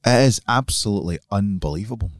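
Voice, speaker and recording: Low-voiced male podcast co-host. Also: expressive, fast talker, no echo, clean studio sound. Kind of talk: casual chat.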